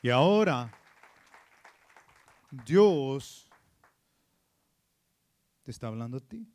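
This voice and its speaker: A man preaching as a pastor, mixing in English and building from quiet storytelling to loud preaching. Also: medium pitch, animated, drawn-out words, no echo. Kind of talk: sermon.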